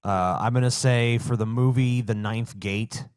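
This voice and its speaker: A man's voice: medium pitch, steady tone, measured pace, a little mellow, clean tone, dry recording, clean studio sound. A man co-hosting a podcast, chatting casually with blunt opinions and swearing. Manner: blunt, profane. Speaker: podcast co-host.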